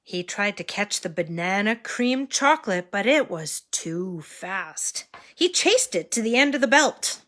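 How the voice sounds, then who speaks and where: A woman reading a picture book aloud to a toddler, expressive and sing-song, pausing to ask the child simple questions. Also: medium pitch.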